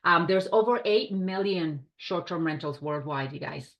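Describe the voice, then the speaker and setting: A woman's voice: on the low side, normal speed, dull audio. A woman from Puerto Rico, a company director, giving an enthusiastic, chatty business presentation on a video call. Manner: enthusiastic, chatty, warm hospitality tone. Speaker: director of short-term rentals, presenter.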